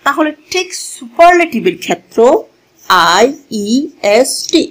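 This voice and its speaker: A woman teaching a grammar lesson to a class, moving slowly, repeating key words and asking the learners questions as she goes, switching languages mid-sentence. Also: sits high, sing-song, rough recording. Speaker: English teacher. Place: classroom with a board.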